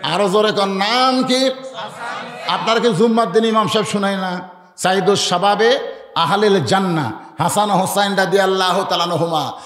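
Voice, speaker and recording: A Bangladeshi-accented man preaches with a high, ringing voice, stretching his lines into a melodic chant and then bursting into shouts. He addresses a big gathering, and his voice rolls through a long, echoing reverb. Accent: Bangladeshi Bengali. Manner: swings between drawn-out sing-song chanting and loud shouting. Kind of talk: fiery sermon with chanted storytelling. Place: large religious gathering. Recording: echoey hall reverb.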